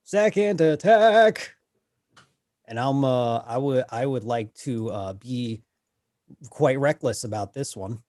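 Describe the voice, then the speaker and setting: A man's voice: mid-range voice, animated, takes it slowly, darkish tone, no room sound. Casual male gamer, dry sound. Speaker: tabletop game player. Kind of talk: casual game chat.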